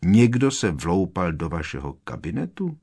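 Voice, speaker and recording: Man doing a gruff grizzled old monster hunter, growling, slow, menacing, deep voice, audiobook. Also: sing-song, a little mellow, heavily acted. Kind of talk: audiobook character voice.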